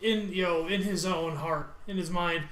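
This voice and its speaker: High-voiced man animatedly recapping, echoey room. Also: moderate pace, slight background noise. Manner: animated, acts out characters' lines while retelling, swears casually. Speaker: podcast co-host. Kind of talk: casual chat recapping a TV episode.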